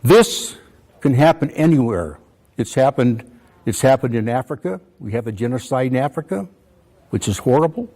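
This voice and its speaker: A man's voice: medium pitch, expressive, normal speed, dark tone. A man in his eighties giving an impassioned talk to students, pleading and repeating phrases for emphasis. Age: 80s. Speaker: veteran speaker at a school.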